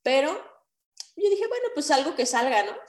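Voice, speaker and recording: A woman in her thirties with a Mexican accent, a guest telling her story in casual, lively, self-mocking anecdotes. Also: high-pitched, normal speed. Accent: Mexican Spanish. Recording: echoey room.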